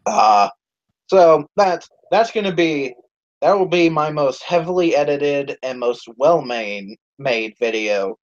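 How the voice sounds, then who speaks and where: A man's voice: fairly high pitch, lively intonation, slow pace. A man hosting his own channel's live stream, chatting casually and rambling with lots of swearing and fillers. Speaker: YouTube channel host. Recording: dull lo-fi stream audio.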